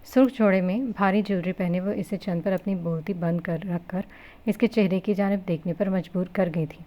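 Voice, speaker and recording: A woman narrating a romance novel in a steady storytelling manner. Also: medium pitch, dull audio. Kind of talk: Urdu novel reading.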